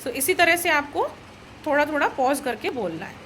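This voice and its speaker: High-voiced Indian woman lecturing. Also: sing-song, a bit bright, a little hiss or hum, low-quality recording. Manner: explains slowly, mixes Hindi and English, asks "right?". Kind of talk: recorded lecture.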